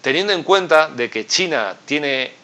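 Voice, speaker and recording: A man from Spain explaining economics step by step, talking straight to the viewer and checking in with quick tag questions. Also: a little high, lively intonation, pushed and bright. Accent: Spain Spanish. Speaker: business expert and investment channel host. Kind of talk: explanatory talk to camera.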